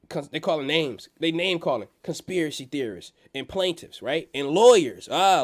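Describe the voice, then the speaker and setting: A man with a blocked-nose nasal sound hosting a casual livestream on the stock market, talking in slang and repeating phrases for emphasis. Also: a little high. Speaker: livestream host.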